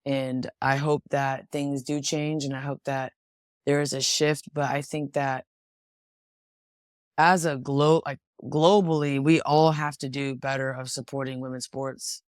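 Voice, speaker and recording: Speaking at a measured pace with little pitch movement, this young pro boxer from Washington State, USA has a very deep voice. She's a reflective interview guest in a casual conversation who restarts frequently, captured with clean studio sound and no room sound.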